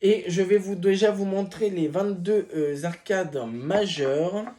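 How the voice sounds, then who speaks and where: Slow, mellow-voiced French-speaking man. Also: high-pitched. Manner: hesitant, lots of filler sounds, apologetic. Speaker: tarot channel host. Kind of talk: casual unboxing chat.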